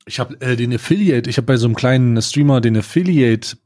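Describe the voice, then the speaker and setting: A man co-hosting a relaxed podcast, trading banter and wry mock-official remarks. His voice sits at a middle pitch and stays conversational. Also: a little fast, dry recording. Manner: dry, mock-formal ironic asides. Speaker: podcast co-host. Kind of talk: casual banter.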